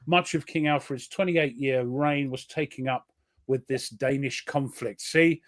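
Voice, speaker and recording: A man's voice: mid-range voice, fairly even intonation, unhurried. A British man hosting a casual chat, joking and reading out history notes. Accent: British English. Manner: chatty, jokey, reads history facts aloud. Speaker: host.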